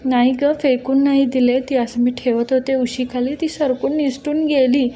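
Woman reading a pleading young impostor, smooth and mellow, in a serial recap. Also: sits high, little pitch movement, normal speed, a little hiss or hum, natural voice. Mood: defensive. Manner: pleading and sweet toward her mother. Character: scheming young woman posing as a daughter.

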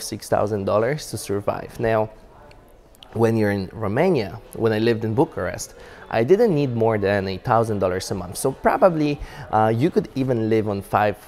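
A man's voice: on the low side, gravelly, a little mellow. Enthusiastic man vlogging. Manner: enthusiastic, repetitive restarts, non-native phrasing. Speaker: business vlogger. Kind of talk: casual to-camera advice talk.

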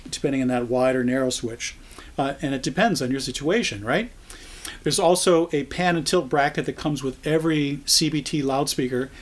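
An American product trainer in his sixties gives an informal explainer about a product. His mid-range voice sounds conversational and halting, as if he's working it out while he talks.

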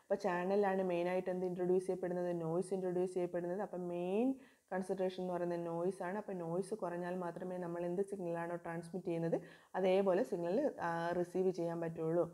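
A woman teaches a recorded class. Her voice is mellow and dark, and her pitch barely moves. She asks a question and answers it herself, again and again, the way a teacher talks a class through a topic. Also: flat delivery. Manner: reads English definitions slowly. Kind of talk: video lecture.

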